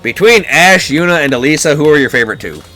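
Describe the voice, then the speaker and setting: A man's voice: a little high, expressive, fast, pushed and bright, soft background music. A man giving casual gameplay commentary as host, crude and joking, with emphatic swearing. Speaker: host of a game playthrough.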